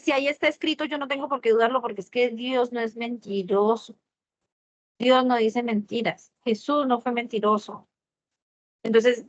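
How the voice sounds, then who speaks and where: An earnest woman teaches a church Bible class, pressing her points by repeating key phrases. Her voice sits slightly high, and the recording is close, dry and a little muffled. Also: a bit bright, dry recording. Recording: muffled lo-fi audio.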